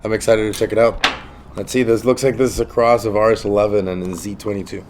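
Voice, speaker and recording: Low-voiced laid-back stoner man, noisy recording. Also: flat delivery, quick pace. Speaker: cannabis reviewer. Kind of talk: casual product tasting commentary. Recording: clearly noisy recording with clicks.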